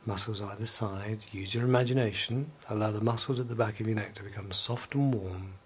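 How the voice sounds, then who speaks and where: A man leading a guided evening relaxation, speaking slowly and soothingly and at times sinking to a soft whisper. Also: lowish voice, steady tone, a little hiss or hum.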